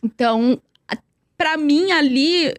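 A woman's voice: high voice, slow pace, no room sound. A young woman telling a personal story in earnest, repeating words for emphasis. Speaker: guest.

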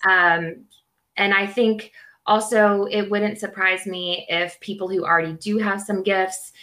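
Bright-voiced woman explaining astrology casually. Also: medium pitch, steady tone, a little slow. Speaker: astrology forecast commentator.

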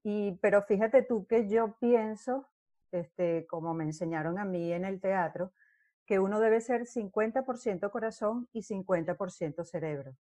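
A woman's voice: medium pitch, moderate pace, no room sound. A middle-aged woman, an actress, telling stories in a casual interview and acting out the scenes she describes. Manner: animated storyteller who acts out scenes.

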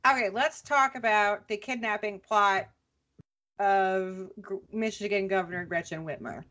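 A woman podcast co-host chatting casually and recapping news, with relaxed, hesitant pauses. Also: mid-range voice. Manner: conversational, relaxed with many "um" pauses.

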